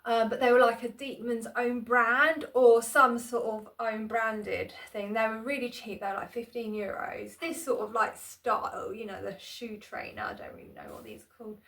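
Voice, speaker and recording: A woman's voice: fairly high pitch, fairly bright tone. Chatty woman vlogging at home. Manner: rambling, chatty, self-deprecating with frequent "um" and restarts. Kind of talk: casual chatty vlog. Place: small home room, indoors. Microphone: phone camera on tripod.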